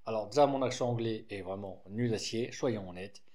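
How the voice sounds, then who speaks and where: A man's voice: lowish voice, moderate pace, a little mellow. A man with a lisp explaining a card game deck in a loose, rambling way, full of restarts. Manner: rambling, frequent restarts and fillers, informal.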